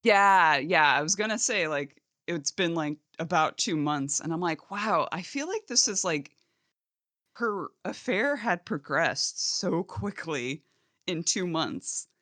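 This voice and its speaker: A woman's voice: on the low side, lively intonation, takes it slowly, a bit bright, dry recording. A woman co-hosting a podcast, casually recapping a TV episode, laughing often and acting out the characters' lines. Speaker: podcast co-host.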